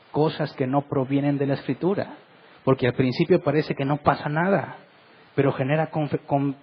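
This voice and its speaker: A man's voice: medium pitch, husky, muffled recording. A middle-aged man, a pastor, preaching earnestly in a Bible study and asking his listeners rhetorical questions.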